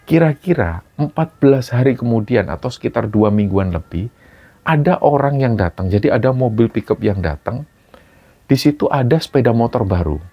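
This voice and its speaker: A man's voice: medium pitch, animated, normal speed, husky. A man narrating a supernatural story casually, in a conversational retelling. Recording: dull lo-fi recording.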